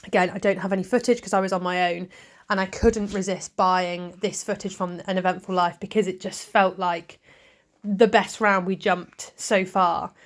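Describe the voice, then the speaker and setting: A woman talks casually over clips of her own horse riding, in an easygoing, rambling way. Her voice sits in a middle pitch for a woman, and she fills her pauses with ums as she chats through the footage. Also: steady tone. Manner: chatty, rambling, lots of ums. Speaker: vlogger and event rider.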